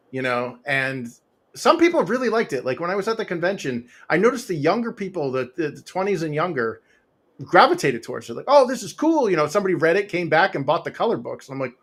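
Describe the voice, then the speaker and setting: A comic author in his forties or fifties speaks as an interview guest in a fairly high-pitched, fairly bright voice. His chat wanders loosely, laced with fillers, restarts and laughter, and is picked up by a home podcast mic with a pop filter.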